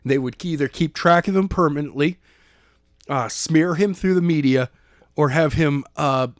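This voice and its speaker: On a podcast breaking down a novel chapter, a co-host with a voice on the high side speaks at a moderate pace, sarcastic and swearing now and then in casual talk. It's a dry, studio-quality recording.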